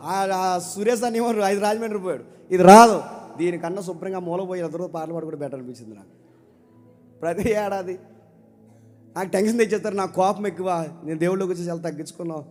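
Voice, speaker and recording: A man preaching a sermon with passion, swinging from loud declaiming to low confiding talk and repeating his phrases for emphasis. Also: big-room sound.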